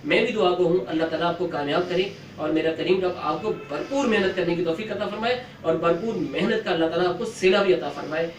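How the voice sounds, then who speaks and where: A man with a high voice, a teacher advising students on exam technique in an earnest, fatherly way. He sounds set back from the mic in an echoey room, with faint room ambience behind him. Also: hardly any pauses, distant mic, a little hiss or hum. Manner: earnest, fatherly, ends with blessings. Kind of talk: exam advice talk to students.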